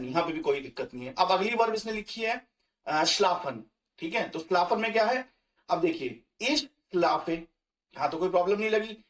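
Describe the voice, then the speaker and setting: Male language tutor, high pitch, chatty and repetitive, voice-over slightly off-mic. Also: a bit bright, recorded from a distance. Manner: conversational, repeats and restarts with fillers. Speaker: German language teacher. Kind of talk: explaining German grammar in Hindi.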